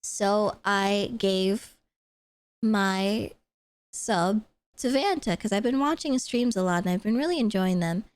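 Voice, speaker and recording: A woman streamer in casual chat, excitable and gushing, with squealing laughs and free swearing. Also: mid-range voice, measured pace, clear, resonant tone, no echo.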